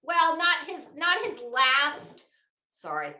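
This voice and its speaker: Speaking slowly in a sharp, high voice with big swings in pitch, a woman hosts a casual livestream. She meanders, interrupts herself while searching for words, and tells stories with dramatic emphasis, in a room full of echo.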